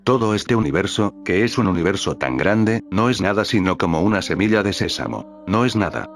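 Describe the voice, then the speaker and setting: Low-voiced man reading spiritual teachings. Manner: calm, measured reading that voices questions and stage directions. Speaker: reader of a spiritual teacher's talks. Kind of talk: read-aloud spiritual teaching. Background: faint background music.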